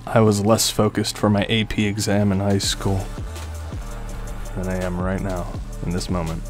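A man's voice: fairly low pitch, little pitch movement, moderate pace, over music. A young man giving gameplay commentary as he plays, trash-talking the boss and swearing often. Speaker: gaming video creator.

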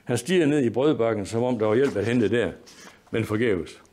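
A man reads a comic story aloud to an audience at a mid-range, average pitch. His narration is dry and wry, unhurried, and it sets up each scene before the characters speak. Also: darkish tone. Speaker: lecturer reading his own story. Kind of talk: reading a humorous story aloud.

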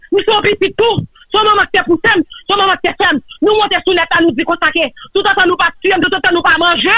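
A woman, pleading passionately in an emotional live-stream rant and at times shouting. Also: very high-pitched, no echo, highs cut off.

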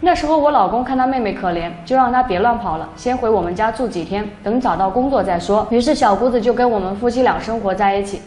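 A young woman narrating a first-person story in a plain, steady way. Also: on the high side, quick pace, few pauses. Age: young adult. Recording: echoey room, faint background noise.

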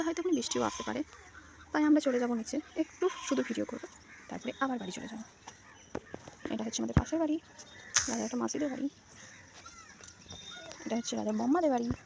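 A woman's voice: fairly high pitch, fast, gravelly, pauses often, background noise. A young woman in a home vlog, coaxing a small child and repeating words for them. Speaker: mother and vlogger. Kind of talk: home vlog, coaching a toddler.

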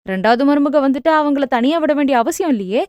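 A woman voicing an anxious, talkative middle-aged mother who scolds quickly and defends herself. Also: sits high, animated, darkish tone, no room sound. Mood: defensive scolding. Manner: fast, fretful, scolding.

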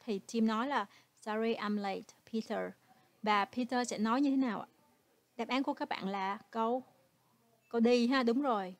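A woman's voice: fairly high pitch, moderate pace, no echo. A woman, a native Vietnamese speaker, who patiently walks through an English exam step by step as a teacher. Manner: patient, explains step by step, ends phrases with "ha". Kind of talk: exam walkthrough lesson.

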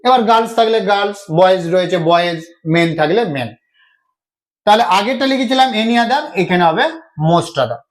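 A man's voice: sits high, animated, normal speed. A man teaching a grammar video lesson, patiently repeating each step and asking himself questions as he explains. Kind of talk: classroom-style video lesson.

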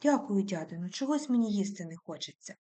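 A woman's voice: medium pitch, animated, a little fast, mellow, close to an everyday voice. A woman playing Mykolka, a proud village boy. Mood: polite. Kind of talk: storybook reading.

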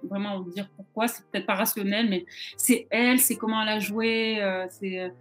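A woman's voice: medium pitch, steady tone, moderate pace, soft background music. A young woman from southern France, chatting informally and self-deprecatingly in an interview over a video call. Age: young adult. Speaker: interviewed actress. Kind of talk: casual interview chat. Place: indoor room at home, video call. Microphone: video call microphone.

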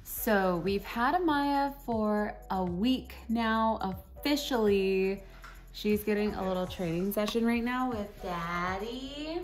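A woman's voice: mid-range voice, slow pace. Chatty, bubbly young woman vlogging. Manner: bubbly, chatty, laughs often. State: a little tired. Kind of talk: casual vlog chat. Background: music.

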